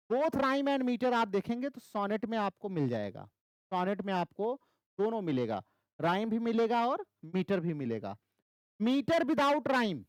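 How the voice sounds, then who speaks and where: Brief: male literature tutor, exam-prep lecture, animated pitch, dry close sound. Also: no room sound, poor audio. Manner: repeats key terms, asks and answers own questions. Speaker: English literature teacher.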